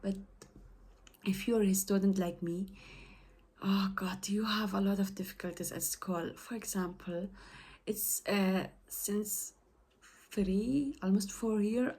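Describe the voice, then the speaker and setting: A young adult study vlogger, a native Persian speaker with a Persian accent, talks casually to camera for her followers. Her mid-range voice is warm, slightly rough and fairly even, and she speaks hesitantly, halting often with many fillers and self-corrections.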